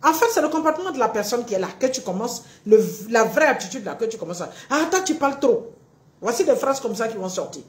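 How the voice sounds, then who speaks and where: A woman coach talks through a live stream in a fairly high voice. Her pitch jumps around a lot as she acts out quarrels between partners, and her voice rings in an echoey room. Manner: animated, acts out both partners in quick little dialogues. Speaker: relationship coach.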